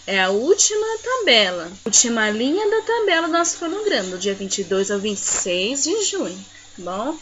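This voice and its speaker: A Brazilian woman teacher giving a recorded lesson to young pupils, pronouncing example words slowly syllable by syllable. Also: mid-range voice, fairly bright tone, muffled recording, a little hiss or hum. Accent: Brazilian Portuguese. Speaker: primary school teacher.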